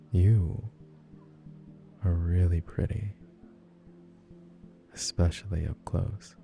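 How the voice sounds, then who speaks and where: Man playing a teasing, gravelly low-voiced flirty guy. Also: warm tone. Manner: teasing, playful, rambling. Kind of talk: flirty personal-attention role-play, casual chat.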